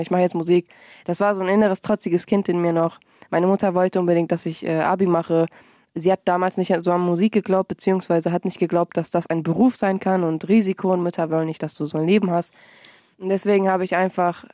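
Recorded cleanly in a studio without echo, this young musician guest talks in a relaxed interview. She laughs easily, stays lively, and raises her voice higher to act out what people said.

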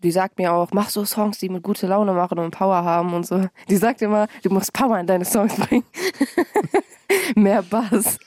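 A woman's voice: a little fast, few pauses, no room sound, studio quality. Chatty young German woman laughing often. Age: young adult. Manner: chatty and animated, laughs often, acts out quotes in a higher voice. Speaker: musician guest. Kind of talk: casual interview chat.

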